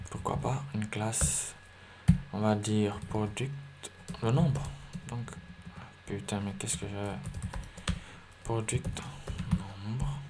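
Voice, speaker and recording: In this screen-recorded coding lesson, a male instructor with a fairly low voice reasons out loud, using many fillers and correcting himself often. The audio has background noise, along with soft typing and mouse clicks.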